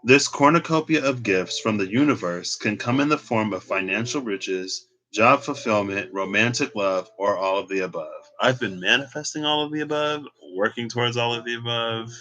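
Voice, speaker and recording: A tarot reader in his late twenties speaks in a medium-pitched, bright, forceful voice at normal speed with few pauses, captured in a rough recording. Reading the cards casually, he's candid and reflective and laughs occasionally.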